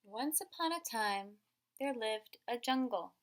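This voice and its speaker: With a voice on the high side, a woman teacher reads a picture book aloud to a group of young children. She is expressive and instructive, lengthening words for emphasis and pausing now and then to ask questions.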